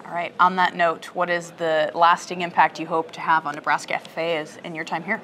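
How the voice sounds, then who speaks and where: Lower female host, fast and playful, hotel hall interviews. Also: level tone, bright, forceful tone. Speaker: preshow host. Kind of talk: broadcast interview hosting.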